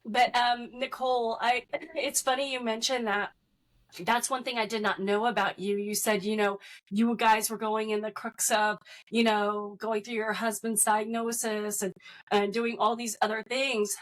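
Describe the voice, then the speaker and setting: A woman's voice: a little high, little pitch movement, normal speed, a bit bright. A woman hosting a casual roundtable conversation, chatty and laughing easily. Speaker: host.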